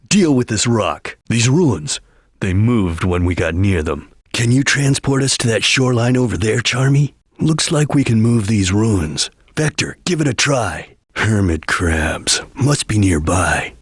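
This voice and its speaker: A man voicing a stoic, watchful ninja chameleon in a video game, with a husky, gravelly voice and terse, solemn, guarded delivery. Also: fairly low pitch, dry recording, studio quality. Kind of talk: scripted video game voice lines.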